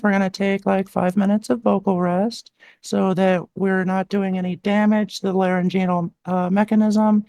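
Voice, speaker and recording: A woman voice coach walks through an exercise patiently, one step at a time, filling pauses with "like" and "um". Her voice sits at a middle pitch. The desk mic gives a close, dry sound with no room echo. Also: darkish tone. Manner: patient, step-by-step, with frequent "like" and "um" fillers. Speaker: voice coach guest. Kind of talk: instructional explanation in a live-stream conversation. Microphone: desktop mic with adjustable gain.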